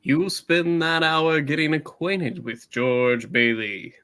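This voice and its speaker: Kindly head angel, read by a man, authoritative, bright forceful tone, unhurried and halting, comic radio play. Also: fairly high pitch, smooth. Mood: solemn.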